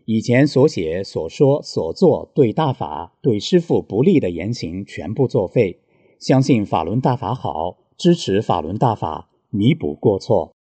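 A man reading scripted news in a steady, formal way. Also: lowish voice, measured pace, husky, no room sound. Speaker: news reader.

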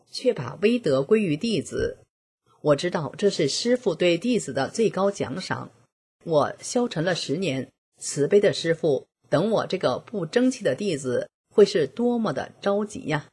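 A middle-aged woman narrating a personal account, reading in a steady, earnest way. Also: sits low, creaky, slightly rough. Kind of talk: scripted first-person reading.

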